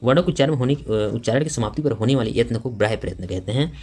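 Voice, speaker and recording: A man's voice: mid-range voice, rapid-fire, a little mellow. A man teaching a grammar lesson for exam preparation, reading out each question and its options and explaining them step by step with frequent fillers.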